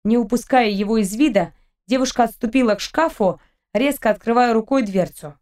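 A woman's voice: fairly high pitch, a little fast, darkish tone. Woman reading a novel aloud. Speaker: audiobook reader. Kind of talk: scripted narration.

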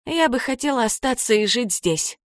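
A woman voicing a gentle, dreamy young woman guide, speaking softly and earnestly in an audiobook. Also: a little high, expressive, normal speed, no room sound, clean studio sound, voice pushed up, close to an everyday voice.

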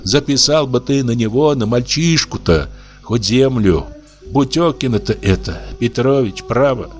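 A man's voice: mid-range voice, expressive, unhurried, faint music behind, voice pushed up, close to an everyday voice. A male reader voicing an anxious older peasant woman who coaxes and pleads in an audiobook. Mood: pleading. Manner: fretful, coaxing, pleading.

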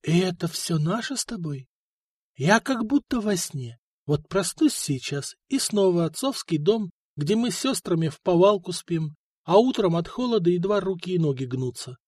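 A man voicing a plump, greedy, quarrelsome young wife who is shrill and spiteful. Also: animated, normal speed, darkish tone, slightly rough, dry recording, studio quality. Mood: dazed.

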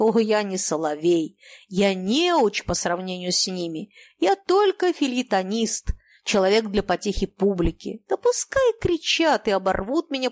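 A man's voice: sits high, no echo. A woman reading an audiobook, voicing a bitter, defiant young male feuilletonist who declaims with passion. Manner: impassioned declamation.

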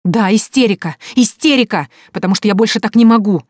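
A woman voicing a desperate young wife who shouts through tears, reading an audiobook. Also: mid-range voice, brisk, no echo, studio quality, voice pushed up, natural voice. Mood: hysterical shouting.

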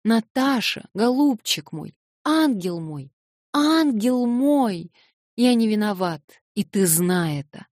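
A woman reading an audiobook and voicing an eager, flustered young man who excitedly protests his innocence. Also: mid-range voice, slow pace, dry recording, clean studio sound, pitched above the performer's own voice. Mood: excited pleading.

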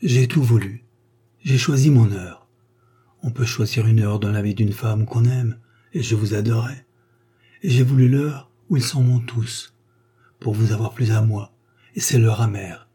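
A man reading the part of a grave, restrained gentleman of fifty who is quietly devoted to an old friend. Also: lowish voice, measured pace, husky. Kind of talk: audiobook reading of a short story.

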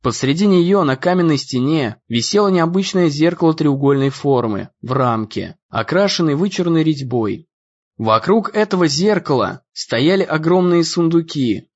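A man reading a story aloud as an audiobook narrator, voicing the characters' lines himself and raising his voice for the shouts. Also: on the high side. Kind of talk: scripted narration. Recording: dull lo-fi audio.

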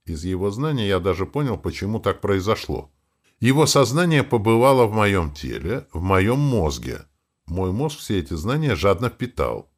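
Low-voiced expressive male audiobook narrator. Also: normal speed. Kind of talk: scripted first-person narration.

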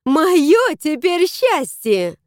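A greedy nanny from a storybook, as the narrator puts her on, shrill and gloating, her voice shooting up high. She shouts every line with spite. The sound is dry and close, with a mellow tone. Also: big pitch swings, very slow, no echo, exaggerated voice. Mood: triumphant.

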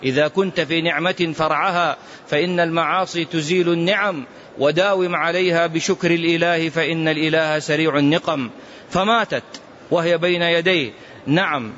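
Man, religious teacher, commentary lesson, fervent emphatic delivery, high voice, faint background hiss. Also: fairly bright tone, dull audio. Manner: impassioned, emphatic warnings addressed to the listener. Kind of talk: classroom commentary on prophetic tradition.

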